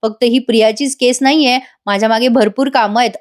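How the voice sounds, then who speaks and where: A woman's voice: fairly high pitch, steady tone, fairly quick, lightly acted. A woman voicing a young husband who teases his wife playfully, in a coaxing manner.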